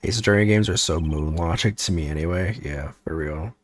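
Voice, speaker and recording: Low-voiced man casually streaming a game. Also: brisk, dry recording. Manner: slangy, offhand.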